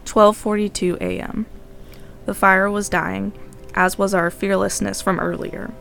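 A woman podcast host reading a horror story aloud, calm and even. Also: mid-range voice, measured pace, vocal fry, soft background music.

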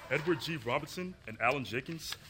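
A man's voice: a little high, lively intonation, fairly quick, background noise, close to an everyday voice. A man playing a starstruck, wide-eyed tavern regular in an old-time radio comedy. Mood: amazed.

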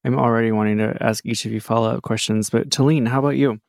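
A man's voice: medium pitch, fairly even intonation, fast, vocal fry, no echo, studio quality. A man hosting a podcast panel, talking casually and often saying "like" and "kinda". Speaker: podcast host.

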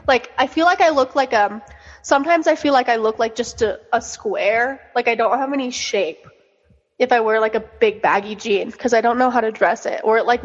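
A young woman co-hosting a casual chat, talking in a girly way with lots of "like". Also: on the high side. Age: young adult. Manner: girly, filler-heavy talk peppered with "like". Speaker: podcast co-host. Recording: dull, echoey lo-fi recording.

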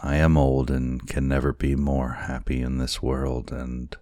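A man reading an audiobook, voicing a kindly, frail old man in a soft, hushed voice. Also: very deep voice, monotone, unhurried, no echo, studio quality. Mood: gentle. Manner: soft, hushed, half-whispered.

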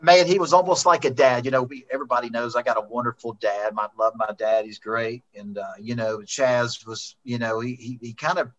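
A man's voice: mid-range voice, fairly even intonation, brisk, few pauses. A middle-aged man, a racing driver, rambling and repeating himself as he remembers a friend in a heartfelt conversation. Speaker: racing driver, interview guest. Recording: dull lo-fi sound.

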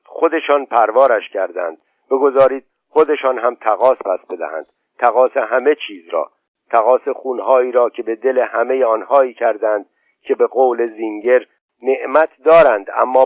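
A man's voice: medium pitch, dry recording, phone-quality sound, close to an everyday voice. A man reading a stern, scolding older host. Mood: lecturing. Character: angry proud man, lecturing a younger guest.

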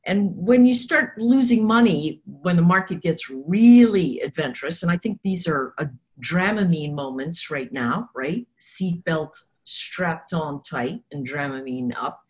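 Woman, low pitch, hoarse smoker's rasp, froggy, rambling, conversational market commentary. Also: lively intonation, unhurried. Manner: rambling, thinking aloud. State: hoarse from coughing. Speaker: trader and technical analyst guest.

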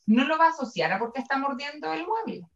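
Chilean woman, dog trainer, higher voice, explains with acted examples; echoey room, dull lo-fi sound. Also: very animated, fast. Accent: Chilean Spanish. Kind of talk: explanatory podcast talk.

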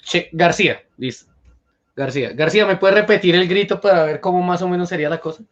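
A Colombian man with a fairly high voice chats casually as host. He jokes and teases, often pausing on hesitant fillers. The recording sounds dull and lo-fi. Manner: playful, teasing, full of hesitant fillers. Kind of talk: casual chat.

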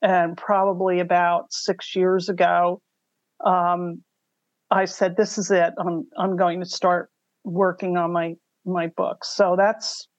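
A woman's voice: on the low side, flat delivery, slow, dry recording. Older woman guest, dry and slightly dull audio. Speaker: podcast guest, mystery writer. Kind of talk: conversational interview storytelling.

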